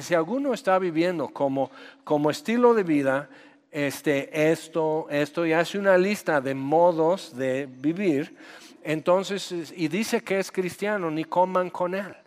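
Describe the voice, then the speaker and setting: A man's voice: a little high, long reverb tail. A man from the United States with an American accent, preaching a direct, conversational sermon in Spanish as a pastor and acting out quoted dialogue.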